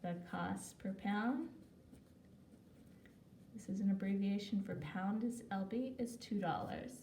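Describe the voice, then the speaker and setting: A woman teaching math in a recorded video lesson, talking at an unhurried pace and chatting as she works through problems, often correcting herself. She sits a little back from the mic. The room is echoey, with faint ambient noise behind her. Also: medium pitch, vocal fry, warm tone, recorded from a distance. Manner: chatty, talks while writing, self-corrects.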